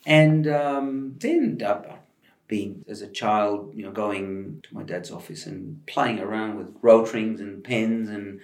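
A man's voice: fairly low pitch, slow pace, a little mellow, echoey room. A man from Argentina, an architect guest in an interview, talking thoughtfully with many fillers and restarts. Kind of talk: conversational interview.

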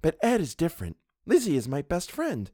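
A man's voice: fairly high pitch, huge pitch swings, fairly quick, a little mellow, no room sound, studio quality, pitched above the performer's own voice. A man voicing a merry young woman, an artist's model in a story, chattering in a breezy, gossipy way. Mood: merry, chatty.

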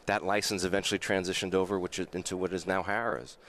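A man's voice: low voice, steady tone, fast, a bit bright, a little hiss or hum. A man with a New York accent from the Bronx, a hotel general manager speaking as a radio guest, telling history with frequent stammered restarts.

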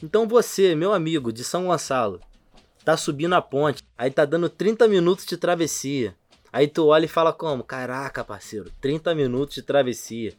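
Carioca dude on a home podcast mic, slangy, cusses a ton, kinda high voice. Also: male voice, animated, fairly quick. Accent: Rio de Janeiro Portuguese. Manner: slangy, swears a lot, teasing. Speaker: podcast co-host. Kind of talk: casual podcast chat.

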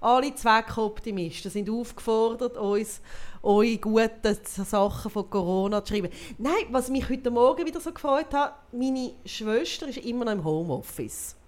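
A woman's voice: on the high side, moderate pace, a little mellow. Chatty Swiss German woman co-host. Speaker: podcast co-host. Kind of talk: casual chat.

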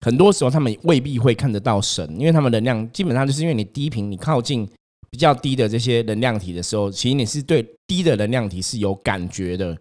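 Guy, talks quick, animated storytelling, acts out the quotes. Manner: animated, acts out quotes, rises in pitch when scared. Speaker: host, exorcist telling his own ghost story. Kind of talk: casual chat, storytelling.

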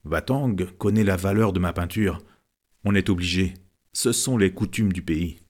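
A man's voice: deep voice, normal speed, a little mellow. A man voicing an arrogant, boastful wealthy painter who talks brashly and familiarly.

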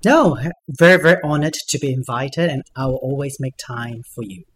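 A man speaking as an interview guest, giving conversational answers in a deliberate, halting way with repeated words. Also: mid-range voice. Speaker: podcast guest, business events executive. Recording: clear background noise.

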